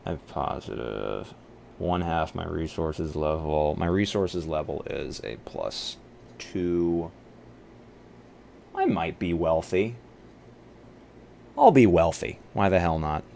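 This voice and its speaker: Slow and full of pauses, this man's darkish, low voice swings widely in pitch as he chats on a tabletop roleplay livestream. A streamer and player, he works through building a character out loud, trading banter and the occasional curse, with clear background noise.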